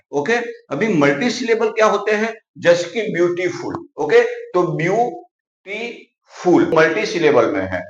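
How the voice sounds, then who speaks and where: A man teaching English grammar, who says "okay" often and says example words again slowly. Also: high-pitched. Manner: says "okay" often, writes while explaining. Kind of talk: explaining grammar to viewers. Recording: echoey, slightly dull recording.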